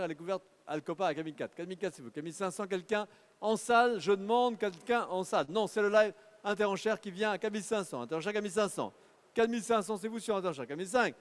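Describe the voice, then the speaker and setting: A man with a high voice calls out bids at a car auction, rattling off numbers in a rhythmic patter and urging the bidders on. His voice rings with a long reverb across the auction hall. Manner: rapid rhythmic bid calling, urging bidders. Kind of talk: live car auction calling.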